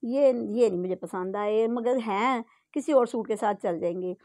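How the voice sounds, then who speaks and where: Chatting to a phone camera in her bedroom, a middle-aged home vlogger from Pakistan speaks Urdu with a Punjabi tinge. Her voice is a little high and mellow at a moderate pace, with no room sound, and her homely talk wanders into frequent asides.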